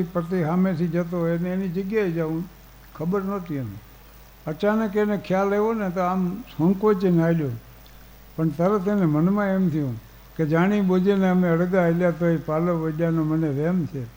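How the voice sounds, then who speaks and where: Older storyteller with mellow voice. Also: male voice, high-pitched, fairly even intonation, moderate pace, rough recording. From Gujarat, India. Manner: folksy, anecdotal, quotes verse. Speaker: storyteller on stage. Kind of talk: humorous storytelling to a live audience.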